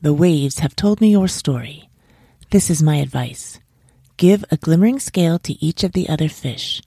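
A woman voicing a wise old female octopus in a storybook reading, with a deep, knowing voice. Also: normal speed, dark tone, slightly rough, dry recording, clean studio sound.

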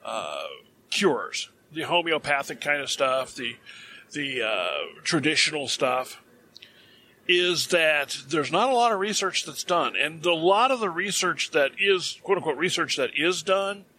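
A man co-hosts a casual podcast in a rather high, very bright voice. He rambles and leans hard on his points, often breaking off to restart a sentence. He says his throat is dry. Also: expressive, unhurried, slight background noise. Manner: rambling, self-correcting, emphatic. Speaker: podcast co-host.

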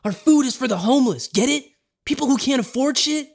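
A man's voice: sits high, lively intonation, fast talker, husky, pitched above the performer's own voice, heavily acted. A man voicing a shaky, hot-tempered young man who snaps indignantly. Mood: furious. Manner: yelling, indignant.

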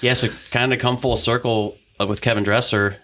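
A man's voice: medium pitch, level tone, fairly quick, a bit bright. A man, a wrestling coach and podcast guest, telling his story in a loose, rambling way full of fillers and restarts. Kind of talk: casual storytelling in an interview.

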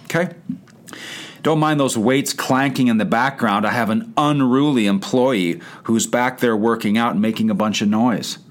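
A man's voice: mid-range voice, normal speed. A man coaching chiropractors in a motivational talk, emphatic and repetitive, firing off rhetorical questions.

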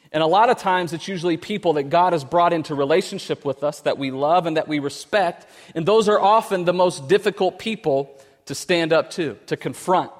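A man preaching a conversational sermon as pastor, telling stories with lively restarts. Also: a little high. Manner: conversational, animated storytelling with restarts. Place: church sanctuary. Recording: long hall reverb.

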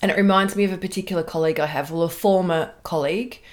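A middle-aged Australian woman talks through her solo podcast in a fairly low voice. She is candid and chatty, and she pokes fun at herself as she goes. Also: steady tone. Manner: candid, chatty, self-deprecating with quick laughs. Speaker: podcast host.

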